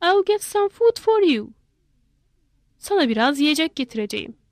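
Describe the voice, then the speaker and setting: A woman's voice: very animated, moderate pace, no room sound, clean studio sound. A woman voicing a fussy, talkative male monkey who keeps asking questions. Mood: curious. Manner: high, prodding questions.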